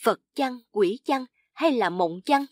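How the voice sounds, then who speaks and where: Bold young scholar in witty courtly banter, voiced by a woman narrator, slightly high voice. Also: expressive, slow pace, a little mellow, no echo.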